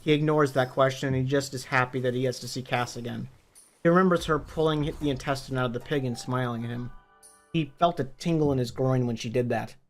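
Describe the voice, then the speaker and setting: A hoarse man reading a story aloud in a plain, steady narrating voice. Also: medium pitch, a little fast, faint music behind. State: hoarse from illness.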